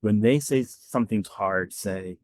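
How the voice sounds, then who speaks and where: A man's voice: on the low side, measured pace, a little mellow, dry recording. A man who is a podcast guest, explaining ideas earnestly through stories in a conversational interview, close to the mic. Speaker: guest speaker, debriefer of fieldworkers.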